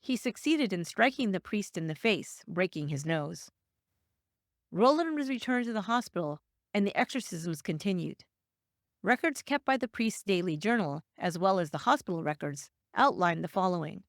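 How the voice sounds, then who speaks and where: A woman narrating a true crime story in a measured, even, scripted way. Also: lowish voice, no room sound, studio quality.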